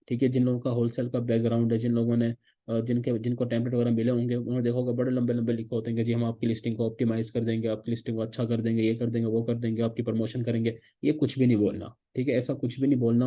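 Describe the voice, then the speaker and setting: A man's voice: mid-range voice, phone-quality sound. A man teaching a recorded online lecture, explaining step by step and checking in with "theek hai" again and again. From Pakistan. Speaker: course instructor.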